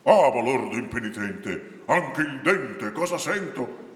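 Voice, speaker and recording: A man's voice: mid-range voice, expressive, slow, pitched above the performer's own voice. A man playing a bossy barking guard. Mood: stern. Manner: barking, scolding. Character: stern bossy male town guard. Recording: echoey hall, distant mic.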